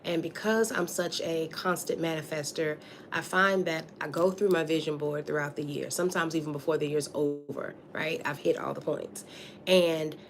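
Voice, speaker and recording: Low, even-voiced woman telling her story. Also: normal speed. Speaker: interview guest. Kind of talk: conversational personal storytelling. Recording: faint background noise.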